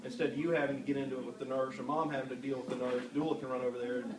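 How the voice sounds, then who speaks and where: A man's voice: mid-range voice, level tone, racing, a crowd in the background. A man on a parents' panel, earnestly telling his own story with frequent restarts. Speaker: panelist father. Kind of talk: panel talk. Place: panel event before an audience. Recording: echoey room, far mic, audience.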